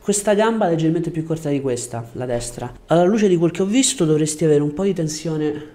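A chiropractor in his thirties gives a patient brief, reassuring instructions during a hands-on exam in a small indoor treatment room. His slightly high voice is animated, mellow, and fairly quick, picked up by a lapel mic.

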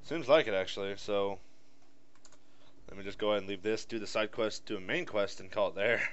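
A man's voice: on the low side, brisk, fairly bright tone. A man giving casual playthrough commentary, sardonic, complaining and sweary. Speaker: gamer. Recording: slightly dull lo-fi mic.

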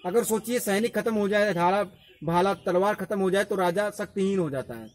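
High-voiced man explaining a plant outdoors. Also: a little fast. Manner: patient, explanatory, repeats key terms. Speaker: educational presenter.

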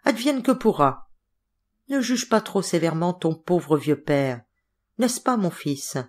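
A woman's voice: lowish voice, very animated, unhurried. A woman reading the lines of a frightened elderly father with an anxious, imploring manner. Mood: pleading.

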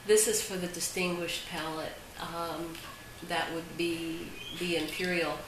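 A woman's voice: fairly low pitch, steady tone, measured pace. A woman hosting an interview, asking short direct questions in an office. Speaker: show host, interviewer. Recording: echoey room with loud hiss.

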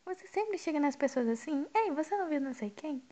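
A sarcastic teenage boy from a dating game, scolding and mocking with a high, light voice, as a woman reads him in her own voice. He talks down to whoever he addresses. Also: expressive, quick pace, warm tone.

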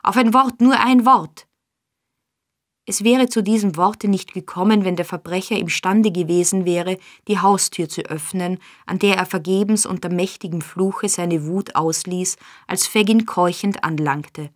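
Woman audiobook narrator: steady, dramatic, dry close mic. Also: fairly low pitch, moderate pace, few pauses, no echo. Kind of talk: scripted narration.

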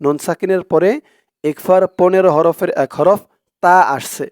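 A man with a clear, smooth voice that sits a little higher than usual teaches Quran reading, breaking words into letters and pronouncing each one carefully. The recording is close and dry, with no room sound. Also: fairly even intonation, a little mellow, no echo. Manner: slow drawn-out chanting when reciting, brisk plain explaining between. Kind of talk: recitation lesson, spelling out letter by letter.

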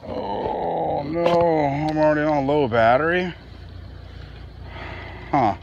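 Man, fishing vlogger, outdoors at night, slow, casual rambling, faint background noise. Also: fairly high pitch, gravelly, lo-fi sound. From Florida. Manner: relaxed, rambling, talks to his dog.

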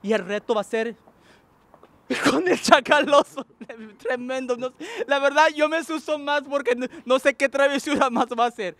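A man's voice: extremely high pitch, normal speed, fairly bright tone. A man hosting a playful street quiz show, teaching English and teasing as he switches between Spanish and English.

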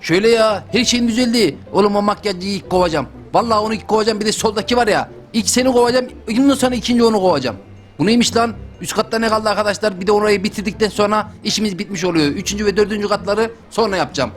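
A man's voice: high voice, rapid-fire, soft background music. A young man doing joking lets-play commentary for a gaming channel, talking straight to his viewers. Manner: excitable, joking, talks to viewers. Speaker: gaming youtuber.

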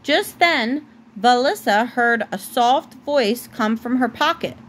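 A woman's voice: on the high side, expressive, slow, slight background noise, rough recording. Mother reading a bedtime story. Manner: reads aloud, stops to talk to the child. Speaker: mother reading to her child.

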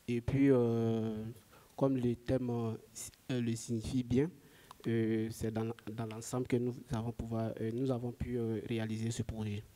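A man speaks at a ceremony in a large auditorium, slowly finding his words. His voice is very dark and flat, and his sentences are broken up by fillers. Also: medium pitch. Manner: hesitant, full of fillers.

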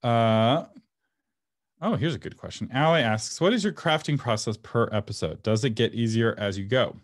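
A man's voice: mid-range voice, lively intonation, normal speed, no room sound, studio quality. A man presenting a webinar and answering audience questions in a casual, frank way, often laughing and sometimes breaking into a passionate rant. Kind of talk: casual Q&A teaching.

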